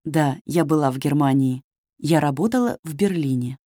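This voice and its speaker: In a clean studio recording without room sound, a dialogue actor for a listening test voices a friendly, polite female journalist in a scripted textbook exchange. Her voice is low-pitched and dark, at normal speed, and she reads evenly and carefully.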